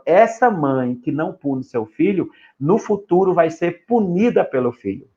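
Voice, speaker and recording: A middle-aged man preaching as a pastor, emphatic, firing rhetorical questions and acting out children and parents in quick asides. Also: a little high, darkish tone, highs cut off. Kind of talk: pastoral teaching in a live stream.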